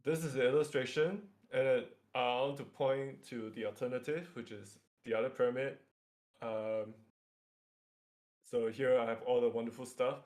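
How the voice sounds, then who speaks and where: Leading a workshop, a man from Singapore speaks with a Singaporean accent in a medium-pitched, slightly mellow voice with a steady tone at normal speed. He lectures informally through slides, phrasing things hesitantly and often adding check-in tags.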